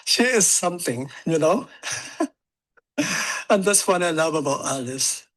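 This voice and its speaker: A man who cared for the departed, giving a halting memorial eulogy in a chapel and often repeating his words. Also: a little high, expressive, fairly bright tone, poor audio.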